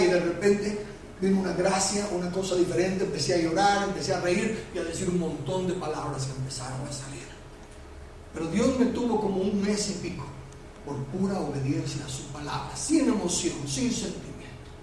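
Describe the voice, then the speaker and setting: High-voiced pastor, echoey hall. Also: male voice, noisy background. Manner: animated storytelling that builds to shouting. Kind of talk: storytelling sermon. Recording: echoey hall recorded from far off.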